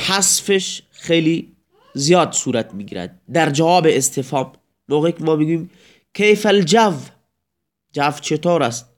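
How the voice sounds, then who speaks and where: In a recorded lecture, a man explains Arabic grammar step by step and recites examples in a raised voice that sits on the high side.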